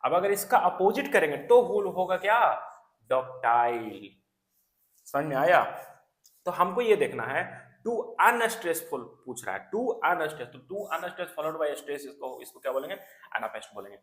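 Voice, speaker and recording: Man, exam prep teacher, repeats terms, checks understanding, slightly high voice, roomy echo. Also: sing-song, moderate pace, fairly bright tone. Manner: repetitive, checks in with "है ना" and "clear". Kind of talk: Hindi-English exam coaching lecture.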